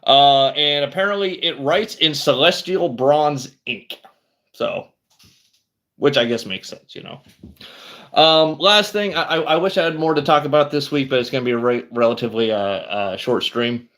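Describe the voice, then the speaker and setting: Male streamer, mid-pitched, loose and rambling, lots of fillers, casual chat. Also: expressive, moderate pace, fairly bright tone. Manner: rambling, conversational, many fillers and restarts. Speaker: book review streamer.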